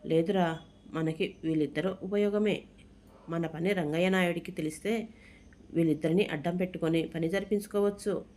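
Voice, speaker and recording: A storybook narrator voicing a scheming, mocking older male villain who laughs as he talks, in a dark, mellow voice. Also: mid-range voice, steady tone, normal speed, close to an everyday voice. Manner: mocking, laughs while talking.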